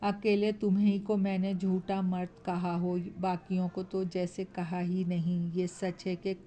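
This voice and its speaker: Boastful joker of a young man, mocking tone, flat delivery, mellow low-key sound, read by a woman. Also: measured pace, close to an everyday voice. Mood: teasing. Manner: loud, mocking.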